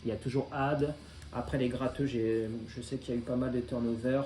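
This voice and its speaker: A man's voice: mid-range voice, steady tone, brisk, dark tone, faint music behind. A man in his forties casually presenting his vinyl records, hesitant and full of filler sounds but enthusiastic. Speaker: record collector. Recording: roomy echo.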